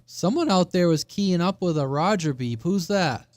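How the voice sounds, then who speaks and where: A man's voice: high voice, expressive, moderate pace, noisy background. A man chatting casually and bluntly as a radio operator hosting a live channel.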